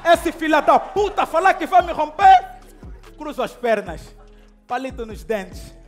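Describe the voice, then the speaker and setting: A man's voice: very high voice, sing-song, unhurried, soft background music. A man with an Angolan Portuguese accent delivering boastful, half-sung battle rap verses on a club stage. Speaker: battle rapper. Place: indoor club stage with a crowd.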